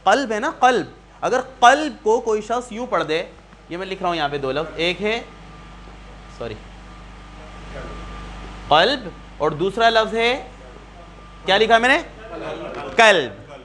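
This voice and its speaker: A man's voice: sits high, lively intonation, long pauses, fairly bright tone, slight background noise. A man teaching a community Quran class, patiently quizzing students and repeating key points. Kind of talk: classroom lesson.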